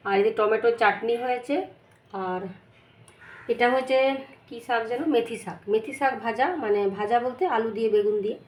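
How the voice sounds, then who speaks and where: A woman, hoarse and stuffy from a cold, chatting through a daily home vlog. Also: fairly even intonation, fairly quick. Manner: chatty, talks to her dog in a high coaxing voice. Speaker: vlogger. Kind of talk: casual daily vlog narration. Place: home, indoors. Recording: echoey room with faint ambient noise.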